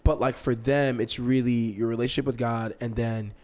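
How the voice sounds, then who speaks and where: A man's voice: medium pitch, normal speed. A young man from Nigeria hosting a podcast, telling a story in casual chat and acting out quotes with bursts of laughter. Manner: animated, acts out quotes with laughter. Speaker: podcast host.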